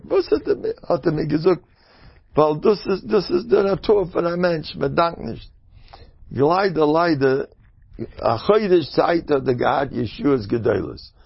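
A man giving a sermon through anecdotes, in a halting, stop-and-start way, on a dull lo-fi recording. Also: on the high side, gravelly, dry recording. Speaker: religious teacher.

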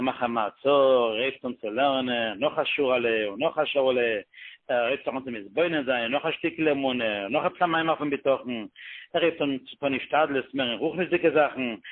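Man teaching over a tinny phone line. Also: breathy edge. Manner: animated retelling, often jumping up in pitch for quoted voices; quick run-on phrasing with many Hebrew religious terms. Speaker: religious teacher. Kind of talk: storytelling religious talk. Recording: tinny phone-line or radio-band sound.

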